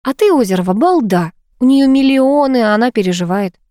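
A sassy young woman with a bossy, teasing bite, read out by a female narrator. Her voice sits fairly high, and the recording is close and dry with no room sound. She needles her friends and her man in a playful tone. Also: lively intonation, a little fast, warm tone, no echo, close to an everyday voice. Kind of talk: audiobook character reading.

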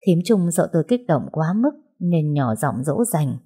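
Husky low-voiced woman narrator. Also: big pitch swings, measured pace, warm tone. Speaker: audiobook narrator. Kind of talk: first-person scripted narration.

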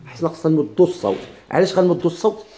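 A man with a Moroccan Arabic accent teaches a recitation lesson at a brisk clip. His voice sits a little high and sounds dark and mellow. He breaks off and restarts words as he spells them out, then asks the class questions. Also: animated. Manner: repeats words slowly, with many restarts. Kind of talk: classroom lesson explaining a text.

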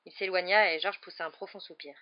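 A woman's voice: on the low side, steady tone, quick pace. Woman reading a novel aloud. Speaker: narrator. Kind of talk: audiobook narration. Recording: slightly dull lo-fi recording.

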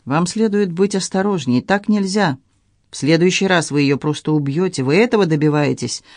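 A ruthless, calculating woman, as a male reader puts her on, spoken low and controlled with a quiet menace. The voice sits a little high for a man and sounds dry and close, with no room around it. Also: moderate pace, no echo, natural voice. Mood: cold, commanding.

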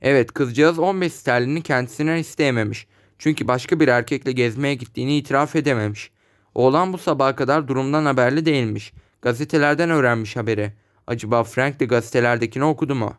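A man reading aloud, voicing a matter-of-fact visiting official who reports news and gives a quiet warning. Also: mid-range voice, quick pace, smooth, close to an everyday voice. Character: male police visitor, measured and warning.

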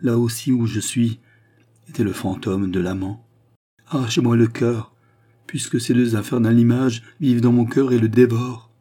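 A man's voice: fairly low pitch, steady tone, normal speed, dark tone, breathy edge. A man voicing an anguished, melancholy nobleman in an audiobook, speaking with grave, tormented intensity.

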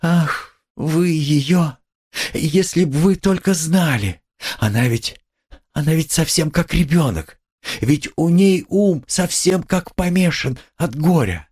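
A man's voice: medium pitch, lively intonation, measured pace, husky, voice pushed up. A man voicing a timid, pious poor young woman who pleads in a trembling, tearful way. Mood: pleading. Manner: trembling, tearful, eager to defend.

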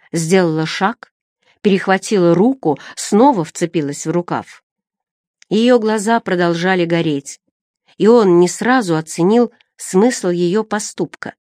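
A woman narrating a storybook in a steady, expressive reading voice, recorded on a close mic. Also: fairly low pitch, no echo. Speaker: audiobook narrator. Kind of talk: scripted narration.

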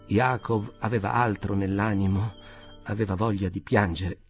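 A man with a fairly low voice narrates a literary audiobook in a measured, expressive storytelling style, with faint music behind him.

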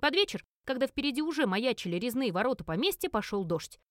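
Woman narrator for a first-person audiobook: animated, fairly high, dry close sound. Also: quick pace, no room sound. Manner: expressive, lively storytelling.

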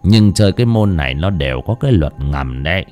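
Man voicing a calm old clan elder. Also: low voice, pitched below the performer's own voice. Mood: slow telling. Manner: slow, measured storytelling with hesitant fillers. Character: old clan elder over eighty, bald, calm and wise.

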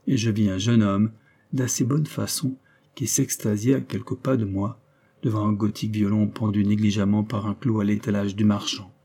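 Male audiobook narrator with a mellow, husky low voice, reading a classic tale and voicing its characters with shifts in pitch and loudness.

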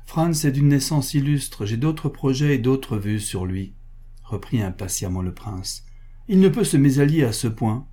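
A man's voice: medium pitch, animated, measured pace, warm tone. A man reading the part of an infatuated, vexed prince in an audiobook, with a plaintive, flustered delivery.

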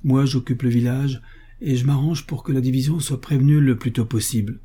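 Storybook: man doing a matter-of-fact lieutenant, dark husky tone. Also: medium pitch, steady tone, brisk, lightly acted. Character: brisk French army lieutenant.

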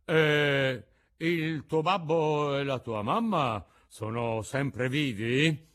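A man voicing a bearded male puppet master who blusters loudly, gruff on the surface but softhearted, with explosive sneezes. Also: medium pitch, extremely slow, voice pushed up. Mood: blustering gruff.

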